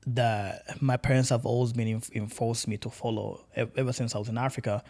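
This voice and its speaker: A young man from Tanzania talks as a guest on a casual podcast. His voice sits in an ordinary middle pitch. He speaks earnestly and often restarts or repeats words as he works out what he means. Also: flat delivery, brisk, a little mellow. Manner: earnest, repeats words while searching for phrasing.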